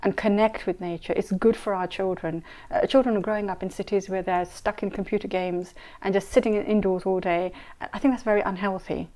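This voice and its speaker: A middle-aged woman speaks in an interview, her voice sitting at an ordinary middle pitch. She is earnest and emphatic, and she repeats her key points for stress. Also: fairly even intonation, a little fast, hardly any pauses, dark tone. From Saudi Arabia, raised in Kenya and London. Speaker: Islamic scholar and mediator. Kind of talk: interview answers.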